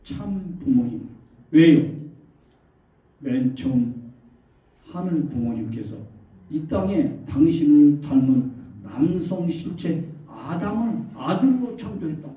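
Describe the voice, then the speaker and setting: A man's voice: a little high, lively intonation, takes it slowly. A man, a church elder, preaching a sermon, asking rhetorical questions and acting out quoted voices. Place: church hall. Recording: echoey hall from far off, dull.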